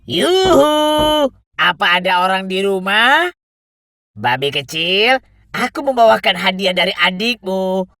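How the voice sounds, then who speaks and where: A woman playing a sly, menacing big bad wolf in a children's cartoon fairy tale, with a gravelly, wolfish voice, coaxing and threatening. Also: medium pitch, animated, slow pace, a bit bright, no echo, clean studio sound. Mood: falsely sweet, coaxing.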